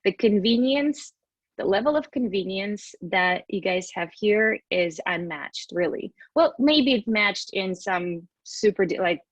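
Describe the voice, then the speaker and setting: A woman in her thirties from Western Siberia, Russia, tells her story as a podcast guest, chatty, casual, and expressive, with a Russian accent. Her voice is medium-pitched and animated, she speaks a little slowly, and there is no room sound.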